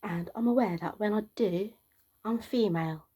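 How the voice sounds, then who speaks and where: A UK woman vlogger with a soft, girlish, slightly breathy voice talks casually to camera at a moderate pace. Her monologue rambles and is full of fillers, and her pitch climbs as she gets into the flow.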